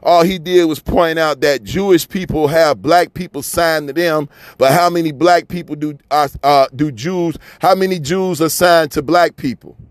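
A commentator from Chicago, USA, with a fairly high voice, delivers a fiery, repetitive, preachy rant at a moderate pace with few pauses and no echo. He swears often as he hammers his points home.

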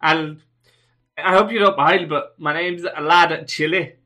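Brief: a man putting on a nervous Scottish lad, fawning and eager, slightly high and bright. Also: steady tone, slow pace. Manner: overly polite, fawning, stammering. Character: nervous eager young man applying for a tavern job.

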